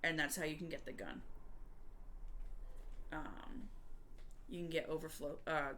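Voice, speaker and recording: Female game streamer, slightly low voice, relaxed live-stream chat and explanation, some background noise. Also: measured pace. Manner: conversational, explaining game tips to viewers. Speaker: variety gamer and streamer.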